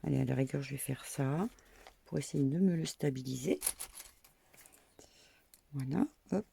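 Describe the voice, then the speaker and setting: A woman's voice: very deep voice, a little slow, gravelly, warm tone, a little hiss or hum. A middle-aged woman talking her viewers through a sewing tutorial as she works, chatty and self-mocking, peppering her steps with "hop" and "voilà".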